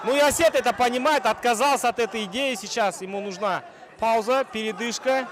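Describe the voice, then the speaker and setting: Male fight commentator, high voice, wrestling-commentator style with analytical play-by-play and excitable calls, noisy arena crowd behind. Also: brisk. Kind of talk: live MMA sports commentary.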